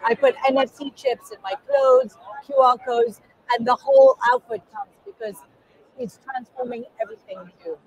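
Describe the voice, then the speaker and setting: This muffled recording features a husky, high-sitting female voice with vocal fry, speaking at a moderate pace. The speaker, a middle-aged woman from Kenya, is a guest artist giving an enthusiastic, animated casual interview at an indoor expo booth, gesturing as she goes.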